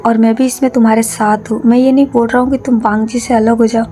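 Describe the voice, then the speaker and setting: A woman's voice: on the high side, flat delivery, quick pace, mellow, faint music behind, lightly acted. A woman playing a caring, loyal young man. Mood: reassuring.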